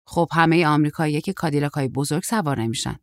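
A woman's voice: low voice, dry recording, close to an everyday voice. A woman voicing a brusque, terse middle-aged woman who talks in a dry, impatient way.

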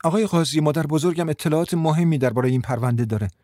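A man's voice: on the high side, warm tone, no room sound, clean studio sound, natural voice. A man voicing a young woman with a thick French accent who speaks earnestly for her grandmother.

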